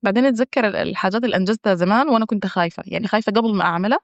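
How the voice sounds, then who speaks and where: A woman's voice: medium pitch, very fast, dry recording. A woman talking in a casual conversation, encouraging, frequent restarts and hesitations. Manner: warm encouraging talk, with many restarts and hesitations. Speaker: wellness guest. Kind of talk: casual conversation in Arabic with English phrases. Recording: dull dry audio.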